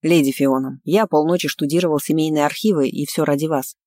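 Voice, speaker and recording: A man's voice: on the high side, fairly even intonation, a little fast, a little mellow, no room sound, pitched below the performer's own voice, close to an everyday voice. A woman voicing a pedantic male court mage who speaks in formal, lecturing phrases. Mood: solemn.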